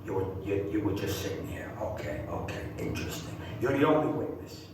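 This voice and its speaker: A man doing a comic impression of a bumbling, rumpled police detective who asks rambling, halting questions, in a distant, echoey clip with background noise. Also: fairly low pitch, animated, close to an everyday voice.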